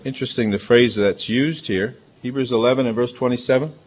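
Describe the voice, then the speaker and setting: With a mid-range voice and a fairly quick delivery, a pastor gives a conversational sermon full of asides. He speaks in a big, emphatic way. The audio is dull and lo-fi.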